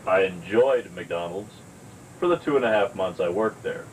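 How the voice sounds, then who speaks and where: A young man giving a deadpan, mock-serious self-help lesson to a home video camera in a motel room. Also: sits low, moderate pace. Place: motel room while out of town. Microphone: camcorder mic from across the room. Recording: distant camcorder audio, air conditioner hum.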